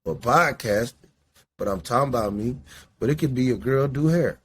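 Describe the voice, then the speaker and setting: A Midwestern man in his late forties hosts a podcast indoors, smoking as he delivers a loose, rambling, profane monologue. His mid-range voice carries a breathy edge at a moderate pace.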